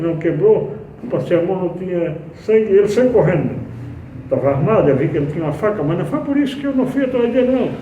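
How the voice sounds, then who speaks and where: A man's voice: sits high, mellow, a little hiss or hum. A middle-aged man giving a spiritist talk, earnestly telling personal anecdotes with frequent restarts. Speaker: speaker at a spiritist center. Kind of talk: spiritist talk, sermon-like storytelling. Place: hall of a spiritist center. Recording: echoey hall, distant mic, faint ambience.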